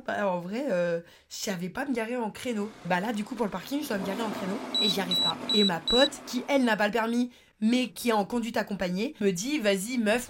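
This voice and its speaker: A young adult woman hosting a podcast, telling personal anecdotes in a casual, slangy way with lots of fillers. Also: mid-range voice. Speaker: podcast host.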